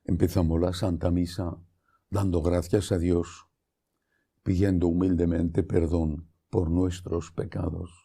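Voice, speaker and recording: A man with a low, very dark and soft-edged voice leads Mass as a priest. His comes through in solemn liturgical prayer, spoken slowly in measured phrases. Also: level tone, gravelly, breathy edge.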